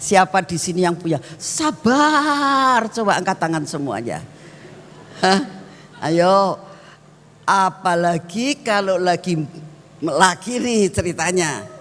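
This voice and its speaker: A woman evangelist preaching a sermon, telling personal stories with an animated storyteller's manner. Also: fairly low pitch, slow pace, long reverb tail. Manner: animated storyteller, addresses the congregation as brothers and sisters.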